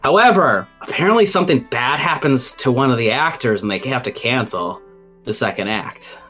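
A man's voice: mid-range voice, expressive, normal speed, sharp tone, faint music behind. A man acting as game master, narrating a tabletop game story and voicing its characters in quotes.

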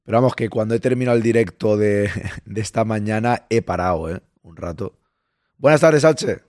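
A man, hoarse and losing his voice, hosting a live-stream podcast and chatting casually, greeting listeners and reading their messages aloud. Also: fairly low pitch, moderate pace, darkish tone, no room sound, studio quality.

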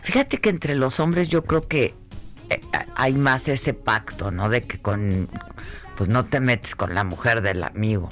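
A Mexican man co-hosting a casual gossip chat, animated and expressive, with emphatic protests. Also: mid-range voice, a little slow, soft background music. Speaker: co-host.

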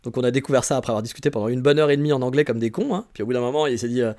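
A man's voice: medium pitch, very fast, darkish tone. A man from France hosting a podcast, telling travel anecdotes in a slangy, chatty way with lots of fillers and restarts. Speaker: podcast host. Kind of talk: casual storytelling monologue.

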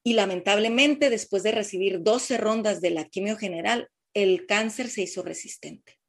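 A middle-aged woman with a Mexican Spanish accent telling the listeners her personal cancer story in a heartfelt, halting way. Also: medium pitch, vocal fry. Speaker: breast cancer patient sharing her story. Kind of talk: emotional personal testimony.

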